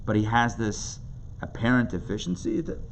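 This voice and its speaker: A man with a lowish, expressive voice teaches a class as a rabbi at normal speed, explaining commentaries in plain talk. He is emphatic, repeating phrases and posing rhetorical questions in an interactive lecture to participants indoors. The live classroom recording is rough, with background noise.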